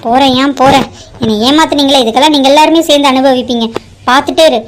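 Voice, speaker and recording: A woman voicing a shrill scheming cartoon mother. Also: fast, slight background noise, close to an everyday voice. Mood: threatening. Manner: shrill and accusing, threatening. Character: scheming vengeful middle-aged mother, loud and bitter. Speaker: mother of the bride. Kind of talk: Tamil cartoon drama voice acting.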